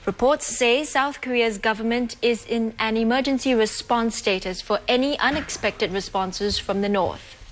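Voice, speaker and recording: A woman's voice: on the high side, normal speed, few pauses, a little hiss or hum. A woman news anchor reading scripted television news.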